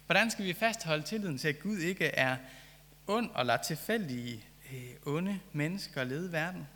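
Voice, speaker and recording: A man preaches a sermon with earnest conviction, leaning into key phrases as he builds his point. His voice is fairly high and notably bright and forward. It rings out with a long hall reverb, as if spoken in a church. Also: lively intonation. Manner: earnest, reads scripture then reflects with rising emphasis.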